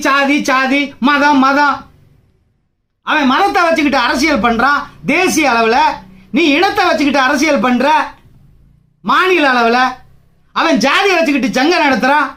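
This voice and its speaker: A man's voice: extremely high pitch, bright, forceful tone. A man from Tamil Nadu leading a trade union, giving a combative, taunting political speech full of rhetorical challenges.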